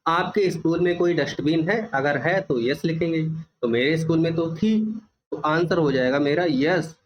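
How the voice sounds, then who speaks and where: A man walks children through an English workbook, his voice a bit high for a man. He spells and repeats each word slowly and patiently. The recording is muffled, with a faint hiss behind him. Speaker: teacher.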